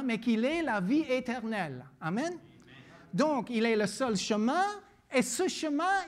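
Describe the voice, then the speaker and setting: A man from Louisiana with an American accent, a pastor whose first language is English, preaching earnestly, repeating words and pausing with fillers. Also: very high-pitched. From Louisiana, United States. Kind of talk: sermon with personal story.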